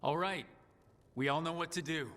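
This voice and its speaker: A man's voice: on the high side, normal speed, fairly bright tone, lightly acted. An actor playing an assured, businesslike male team leader in a fantasy video game. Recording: music under the voice.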